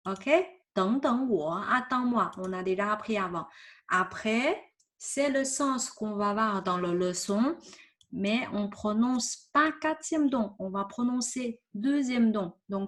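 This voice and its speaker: A woman teaching a vocabulary lesson over a shared screen, patiently repeating words and often checking with "ok?". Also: a little high. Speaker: Chinese teacher.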